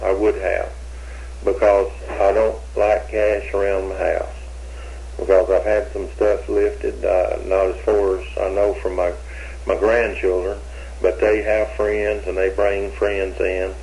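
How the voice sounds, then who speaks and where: A man's voice: low voice, little pitch movement, slow pace, vocal fry, darkish tone, slight background noise, poor audio. An older man being questioned, talking in a hesitant, rambling way with many restarts, heard on an old interrogation tape recording.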